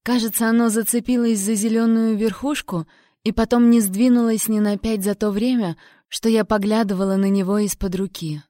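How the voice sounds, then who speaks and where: A woman calmly narrating a first-person audiobook in a measured storytelling manner. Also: medium pitch, no echo, clean studio sound.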